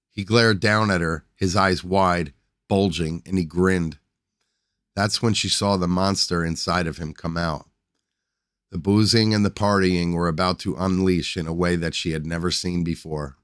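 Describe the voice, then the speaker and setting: A man reading a short story aloud as a podcast host, in a steady, measured way with a few small slips. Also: deep voice, no echo, studio quality. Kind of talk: scripted short story narration.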